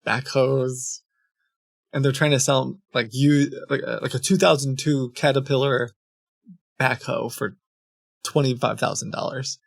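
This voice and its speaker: Male streamer host, gravelly, dry close mic, casual. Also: mid-range voice, steady tone, measured pace, no echo. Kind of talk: casual chat on a livestream.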